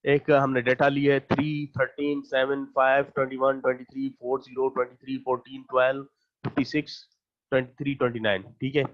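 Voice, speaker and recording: A man's voice: medium pitch, monotone, fairly quick, highs cut off. A man teaching an online math class. He explains each step patiently, counts the items aloud and checks in with his students again and again.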